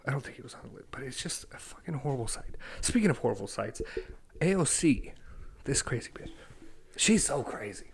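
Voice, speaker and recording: A young man co-hosting a casual podcast. His voice is of middling pitch, and he rants bluntly with heavy swearing, plain and unfiltered. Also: very animated, a little fast, creaky, whispered. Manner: blunt, swears a lot, ranting. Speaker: podcast co-host. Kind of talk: casual profane chat.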